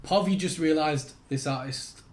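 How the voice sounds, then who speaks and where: A man's voice: fairly high pitch, normal speed, music in the background. A young man hosting a reaction video, talking sarcastically, mocking and swearing freely.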